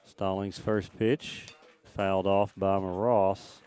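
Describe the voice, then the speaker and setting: A man calling a high school all-star baseball game play by play, lifting his voice on the big plays. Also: level tone, dark tone, clean tone. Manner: brisk, lifts in pitch and volume on big plays. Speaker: play-by-play announcer.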